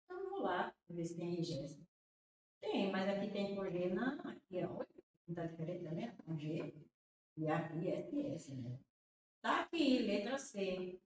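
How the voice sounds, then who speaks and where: A Brazilian woman teacher works through exam answers aloud, repeating key words and checking in with her students as she goes. Her voice sits at a middle pitch and comes from some way off the mic. It rings through a very echoey room with a faint hiss behind it. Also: very animated, moderate pace, recorded from a distance. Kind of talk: exam-solving lesson.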